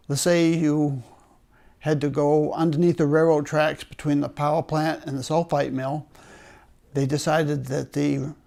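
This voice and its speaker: A man's voice: fairly high pitch, gravelly, dark tone. An older man with a Maine accent, a retired worker telling stories from his working life in a wry, understated way. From Maine, United States. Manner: wry, understated humour with chuckles. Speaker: retired paper mill worker being interviewed. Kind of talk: oral history storytelling.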